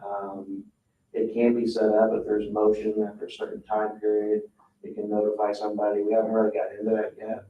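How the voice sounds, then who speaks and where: Recorded from a distant mic in an echoey public meeting room, with muffled sound and hiss, a male town staff member gives an informal, explanatory presentation to a board, occasionally hesitant in his wording. He talks fairly quickly in a lowish, completely flat voice.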